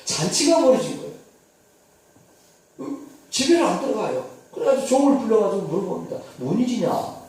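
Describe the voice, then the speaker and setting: A male pastor telling a sermon story dramatically, swinging from hushed to loud. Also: high-pitched, big pitch swings, fairly quick, long pauses. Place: church sanctuary. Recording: echoey church hall, distant mic.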